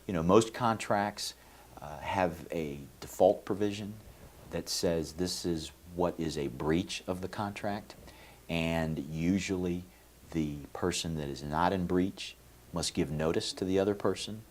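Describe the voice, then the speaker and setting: Deep male lawyer from Venezuela, folksy explainer. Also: unhurried. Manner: explanatory, folksy, with many fillers and restarts. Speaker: lawyer, guest. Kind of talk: interview answers. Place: TV studio.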